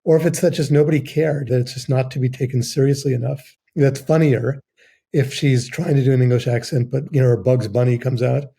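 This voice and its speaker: A man's voice: mid-range voice, fairly even intonation, fairly quick, gravelly, warm tone, breathy edge. A man on a podcast panel who works as a writer, making wry points and reasoning aloud. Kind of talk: casual film discussion.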